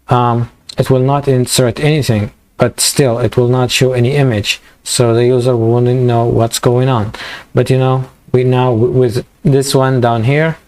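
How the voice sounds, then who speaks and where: Halting man teaching code, voice going. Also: medium pitch, a little mellow. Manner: halting, many fillers and restarts. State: losing his voice. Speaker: programming tutor. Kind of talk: screen-recorded coding tutorial.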